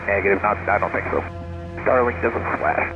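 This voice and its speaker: A man, an airline pilot, giving clipped, halting reports over an aircraft radio. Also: on the low side, music in the background. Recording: muffled distant radio transmission.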